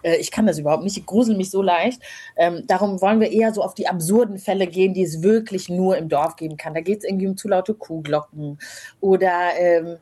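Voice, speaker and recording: A woman in her thirties, originally from Rwanda, chats through a casual interview. Her voice sits slightly low and carries a husky, breathy texture. She speaks reflectively, often pausing on fillers as she gathers her thoughts. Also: warm tone. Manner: reflective, many fillers and hedges. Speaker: guest.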